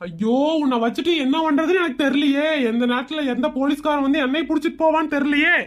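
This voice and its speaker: A woman voicing an exasperated middle-aged husband who scolds his wife in an animated comedy cartoon. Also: sits high, fast, close to an everyday voice. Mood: scolding.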